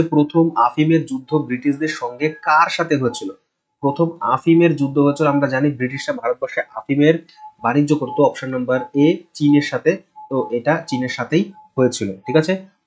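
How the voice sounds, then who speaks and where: A man's voice: medium pitch, brisk, lo-fi sound. A man teaching a casual exam-prep quiz lesson, talking conversationally and repeating answers with frequent check-ins. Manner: conversational, repeats answers, tags "ঠিক আছে?" often.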